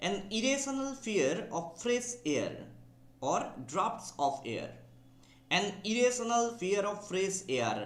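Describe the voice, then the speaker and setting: A Bengali-accented man teaches an online exam class in a slightly high voice. He stretches out English words and spells them letter by letter. The sound carries a roomy echo. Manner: drawls key English words slowly, spells them out letter by letter, asks "ঠিক আছে?" often.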